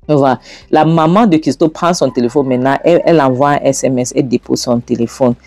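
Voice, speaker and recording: A man casually retells a film scene by scene, rambling and often restarting his sentences. His voice is mellow and the sound is dry and close. Faint music plays behind him. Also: mid-range voice, steady tone, quick pace, dry recording. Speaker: movie recap narrator. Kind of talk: casual film recap narration.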